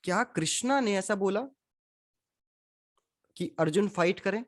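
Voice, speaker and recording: A man leads a scripture class in a steady, conversational voice. He keeps asking his listeners questions and drops English phrases into his explanations. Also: sits high, measured pace. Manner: questions the audience, mixes in English. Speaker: spiritual teacher. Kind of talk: Gita class lecture.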